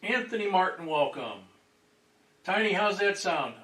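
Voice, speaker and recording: A man hosting a casual livestream and greeting viewers, sounding distant from the boom microphone. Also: sing-song, unhurried, sharp tone. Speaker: livestream host. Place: indoors at a table. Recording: roomy echo, distant microphone.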